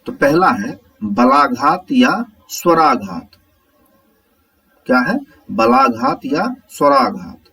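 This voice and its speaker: Slow, lively-voiced Hindi teacher. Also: male voice, mid-range voice, distant mic, rough recording. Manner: slow, explains step by step, asks viewers "clear, friends?". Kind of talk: spoken grammar lesson.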